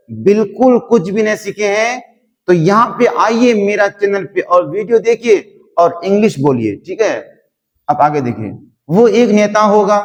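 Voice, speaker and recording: A man teaching a spoken English lesson, repeating words over and over as he drills his class. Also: sits high. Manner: slow, repetitive drilling. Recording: long hall reverb.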